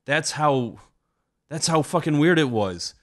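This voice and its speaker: A man's voice: a little high, expressive, measured pace. A man hosting a podcast, rambling casually with self-deprecating asides, sounding tired. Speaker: podcast host. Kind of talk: casual chat.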